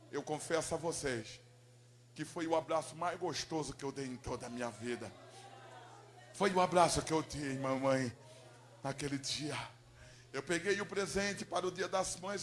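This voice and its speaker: A man, a pastor giving an emotional sermon testimony, telling his story dramatically and moving from hushed to loud. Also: on the high side, a little hiss or hum.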